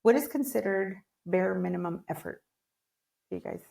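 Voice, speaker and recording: A woman's voice: mid-range voice, animated, moderate pace, gravelly, mellow, echoey room. A woman in her thirties co-hosting a casual podcast chat, blunt and frank, laughing often. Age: 30s. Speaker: podcast co-host.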